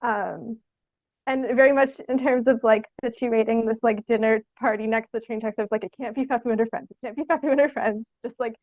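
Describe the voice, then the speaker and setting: A woman's voice: fairly high pitch, steady tone, fairly quick, no echo, narrow, tinny audio. A young woman chatting casually as an interview guest, tentative and meandering, with "like" sprinkled all through her sentences. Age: young adult. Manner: tentative, meandering, heavy use of "like". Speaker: podcast guest, theatre artist.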